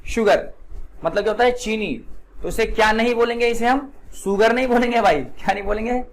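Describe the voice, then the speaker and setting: High-voiced man teaching with quizzing repeats. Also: a little fast. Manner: repetitive call-and-response questioning. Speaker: spoken English teacher. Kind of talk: classroom lesson.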